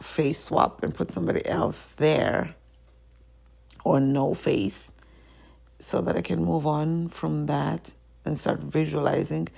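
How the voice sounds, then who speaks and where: In a low, husky, gravelly voice with a darkish tone, a woman talks alone on her own podcast. It's a rambling, self-questioning confessional that now and then fades into a whisper.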